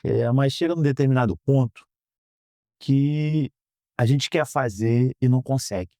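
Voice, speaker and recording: Man, 30s, from Brazil; earnest, measured interview guest, middle voice, dry studio mic. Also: mid-range voice, warm tone, no room sound. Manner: earnest, measured, frequent "né?" tags. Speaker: guest, politician. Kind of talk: interview answers. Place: podcast studio.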